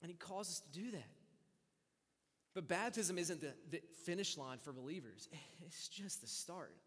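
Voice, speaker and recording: Male pastor, sermon, conversational, lighter voice, long hall reverb, hushed to loud swings. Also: a little high, animated, normal speed.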